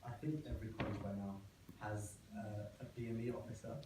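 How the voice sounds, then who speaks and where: A young man with a lowish, flat voice speaks hesitantly. He is heard from a distance in a very echoey room with clear background noise. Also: brisk. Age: young adult. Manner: hesitant, many 'kind of' fillers. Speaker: student. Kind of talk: speaking to visiting schoolchildren.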